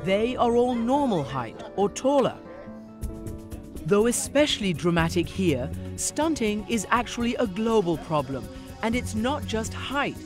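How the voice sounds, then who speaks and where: Woman narrating news over soft music. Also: mid-range voice, big pitch swings, measured pace. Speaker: news correspondent.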